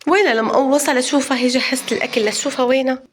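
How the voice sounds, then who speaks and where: A woman's voice: sits high, fairly even intonation, slight background noise. A woman playing a mother in a family sketch, scolding and giving orders. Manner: scolding, bossy, quick-fire.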